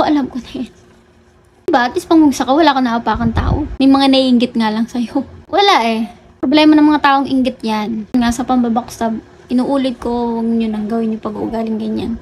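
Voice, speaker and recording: A woman's voice: fairly high pitch, a little mellow, a little hiss or hum. A woman vlogger giving a blunt, lecturing casual rant to the camera, swearing casually as she talks.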